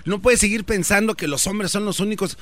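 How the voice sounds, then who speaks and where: A man playing a pompous, bright-voiced radio guru. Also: high-pitched, fairly quick, dry recording. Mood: preachy. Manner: preachy, cuts callers off. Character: pompous self-styled male radio guru, preachy and dismissive. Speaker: radio host. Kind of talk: comedy radio sketch.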